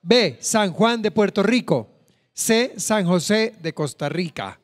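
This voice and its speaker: A man's voice: high voice, lively intonation, slow pace. A man co-hosting a TV game show, reading quiz questions in a playful, teasing way.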